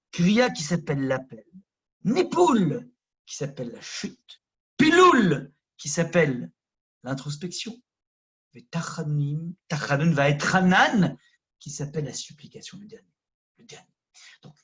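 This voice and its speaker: Man, Parisian French accent, rabbi teaching, high-pitched, very lively intonation, talks straight to listeners. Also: highs cut off. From France. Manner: animated, swings from loud emphasis to hushed asides; addresses listeners directly, conversational. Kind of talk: lively Torah lesson.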